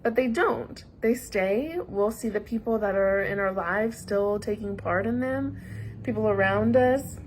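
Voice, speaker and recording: A woman with a Southern US accent preaching a sermon in a measured, earnest way with pauses. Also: medium pitch, a little hiss or hum, low-quality recording.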